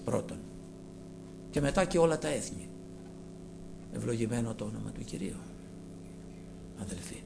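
A man preaching a sermon, moving between loud, impassioned declaiming and low murmured asides. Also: lively intonation, gravelly, long pauses, background noise.

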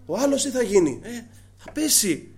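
Preacher, male, very high voice, goes from hushed to emphatic while addressing the congregation. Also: sing-song. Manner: addresses listeners as brothers, swings from hushed to raised. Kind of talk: sermon.

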